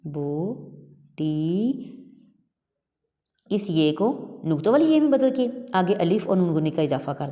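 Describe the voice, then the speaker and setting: A woman teaching a primary-school Urdu lesson, explaining slowly and repeating each word, often checking in with "theek hai". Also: fairly low pitch, warm tone, reverberant, long reverb tail. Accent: Urdu-speaking. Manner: explains slowly, repeats words, often says 'theek hai'. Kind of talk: classroom lesson.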